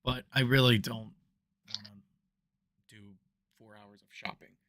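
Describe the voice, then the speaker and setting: Running a tabletop session as dungeon master, a man speaks a little slowly in a fairly bright mid-range voice with little pitch movement. His casual narration wanders, packed with ums and restarts, and because he moves around, his voice rises and drops away from his new desk microphone.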